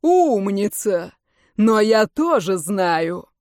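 A woman voicing a gloating male villain who calls himself a god, shouting slowly and triumphantly. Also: mid-range voice, big pitch swings, no echo, studio quality.

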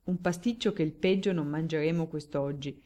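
A wary young baron who gives short, dry, evasive answers, as a woman reading the novel speaks for him. The voice is low for a woman and close to her plain reading tone. The delivery stays reserved and clipped, an audiobook character. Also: moderate pace, dark tone, natural voice. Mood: guarded. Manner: terse and dryly evasive. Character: guarded young male baron, evasive and wry.

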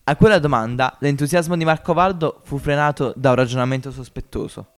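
A man narrating a story in an amateur audiobook podcast, in a measured, expressive reading. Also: medium pitch.

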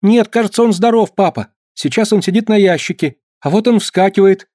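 A man voicing an excitable little farm boy who talks eagerly in a high, shrill voice. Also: a little fast, dry recording, clean studio sound. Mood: earnest.

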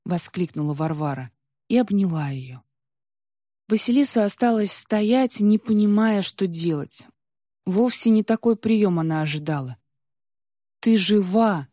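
Woman audiobook narrator, measured reading, dark warm tone, dry close recording. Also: medium pitch, lively intonation, no echo. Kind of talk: scripted narration.

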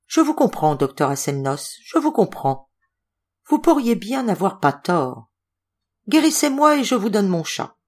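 A woman's voice: mid-range voice, big pitch swings, unhurried, pitched above the performer's own voice. A woman reading aloud voices an older bewildered uncle who speaks in earnest, pleading exclamations. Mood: solemn.

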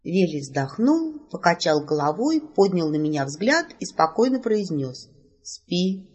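A woman narrating a first-person fantasy audiobook with an expressive, lively delivery. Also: lowish voice, unhurried, slightly rough.

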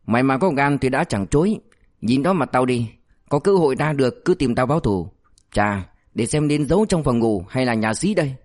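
A man's voice: mid-range voice, lively intonation, moderate pace, darkish tone, lightly acted. A man voicing a cynical male cop who threatens and mocks a suspect. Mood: mocking. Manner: mocking, threatening, crude. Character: cynical, bullying male cop, sly and menacing.

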